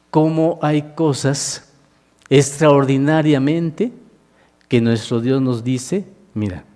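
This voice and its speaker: A man's voice: mid-range voice, dark tone. A man, preaching a sermon as a minister and asking the congregation questions as he goes. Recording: long hall reverb.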